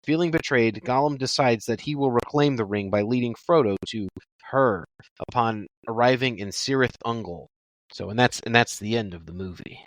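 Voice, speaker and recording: A man's voice: medium pitch, moderate pace, no echo, rough recording. A man co-hosting a movie review podcast, joking in chat and reading a plot summary aloud. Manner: joking, reads summaries steadily. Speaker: podcast co-host.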